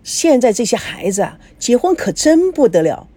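A woman voicing a blunt older working-class father who reminisces and asks pointed questions, in a breathy voice. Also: medium pitch, sing-song, normal speed, darkish tone, dry recording, voice pushed up. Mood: wistful.

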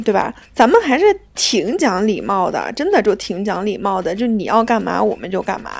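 A woman in her twenties co-hosting a podcast, chatting casually and telling stories with lively acted-out voices. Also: fairly high pitch, creaky. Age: 20s. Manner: lively storyteller, acts out the people in her stories. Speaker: podcast co-host. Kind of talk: casual chat.

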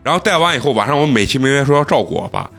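Lively, husky Xi'an man telling stories. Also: mid-range voice, rapid-fire, faint music behind. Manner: animated, laughs often while telling stories. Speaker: podcast host. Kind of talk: casual storytelling chat.

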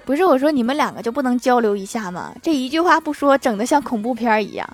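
A woman hosts a light comedy show, reading out funny stories and listener messages. Her voice sits a little high, and she often breaks into chuckles at her own jokes. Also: lively intonation, quick pace. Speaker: comedy podcast host.

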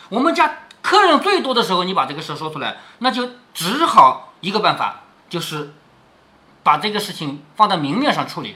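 A man's voice: high-pitched, bright, forceful tone. A man explaining a classic novel to his daughter, retelling the story and stopping often to ask rhetorical questions and explain old words.

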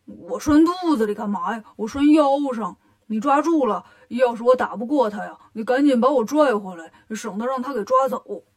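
A woman's voice: on the high side, animated, normal speed. A woman voicing a greedy, clumsy pig-man monk who whines and scares easily, in a children's storybook reading. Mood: whining. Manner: whiny, bold, easily scared.

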